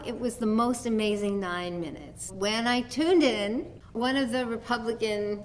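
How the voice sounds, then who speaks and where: A woman's voice: mid-range voice, fairly bright tone, slight background noise. A middle-aged woman from New York with a New York accent, giving a conversational dharma talk as a teacher, telling stories with light laughs. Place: meditation hall talk.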